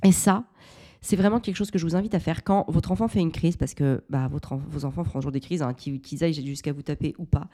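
Low and mellow, the voice belongs to a woman in her thirties who hosts a parenting podcast and relates a personal story as a fast talker. She's candid and reflective, often beginning her sentences again.

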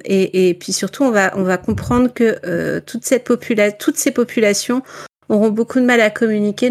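A woman from northern France chatting at a book club, presenting a novel with many fillers and self-mocking asides. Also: medium pitch. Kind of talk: casual book club chat.

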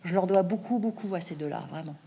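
A middle-aged woman novelist answering interview questions in a thoughtful, measured way, with hesitant restarts. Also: on the low side, warm tone, husky. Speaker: novelist guest.

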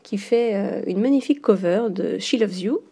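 Mellow woman giving a quiz answer. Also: mid-range voice, moderate pace. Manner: clear, orderly answer. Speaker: listener caller.

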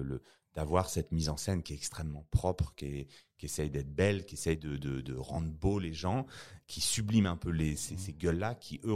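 Un homme, réalisateur invité, raconte son parcours dans une discussion détendue, avec beaucoup d'hésitations et d'argot. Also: male voice, very deep voice, a little mellow. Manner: slangy, rambling with many fillers and restarts. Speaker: filmmaker guest. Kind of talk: casual interview chat.

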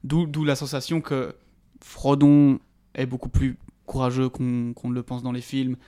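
Thoughtful male co-host, flat even delivery, hesitant. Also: medium pitch, measured pace, smooth. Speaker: podcast co-host. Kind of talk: casual book discussion.

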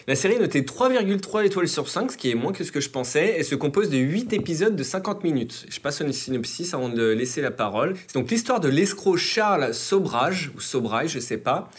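A man's voice: a little high, big pitch swings, brisk, few pauses, slightly rough. A man hosting a casual chat, reading out details and then leading the discussion. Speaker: host.

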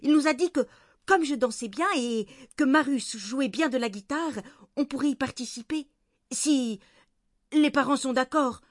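A woman voicing an excited, cheerful little girl who loves to dance, talking breathlessly and eagerly. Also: high-pitched, normal speed, no echo, clean studio sound, pitched above the performer's own voice.

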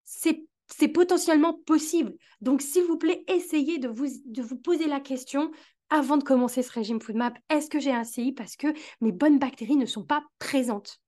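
A woman with a high, light voice hosts a solo educational podcast. She explains each point earnestly and talks straight to the listener, as if advising one person. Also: normal speed, a little mellow. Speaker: podcast host, digestive health specialist.

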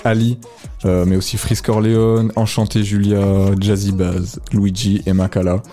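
A young man co-hosting a radio music show, talking through new rap releases in a relaxed, conversational way. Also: on the low side, unhurried. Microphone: studio microphone.

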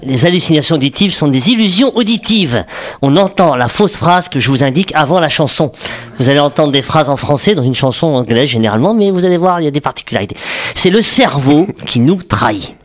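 Lively-voiced man joking on radio. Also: a little high, fairly quick. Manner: jokey, laughs often, explains with mock accents. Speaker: radio columnist. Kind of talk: playful radio segment.

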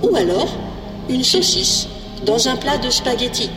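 Female ship computer voiced by a woman: didactic, animated, distant and reverberant, sci-fi comedy. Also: a little high, a little slow. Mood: pedantic. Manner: pedantic, didactic. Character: female ship computer or robot, pedantic explainer. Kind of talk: sci-fi comedy audio drama. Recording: echoey hall, distant, music behind.

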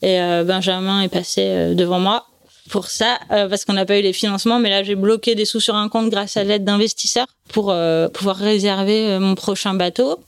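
Relaxed woman in her forties, dry sound. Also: medium pitch, normal speed, clear, resonant tone, dry recording. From France. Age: 40s. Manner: explains at length in a relaxed, conversational way. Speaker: guest, offshore sailor. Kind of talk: casual interview conversation.

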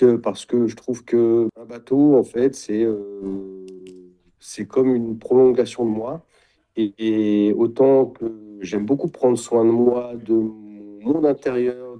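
A middle-aged man, a guest in an interview, talking in a reflective way and often pausing to search for words. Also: medium pitch, dull audio. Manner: describes himself as introverted. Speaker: guest, sailing retreat founder. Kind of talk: casual interview talk.

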